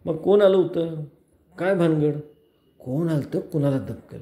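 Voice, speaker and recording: An impatient village husband barking demands at his wife, played by a male storyteller. The voice is fairly high but dark and mellow in tone. It carries a roomy echo. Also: measured pace. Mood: irritated. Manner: shouting, scolding. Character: short-tempered village man, impatient husband.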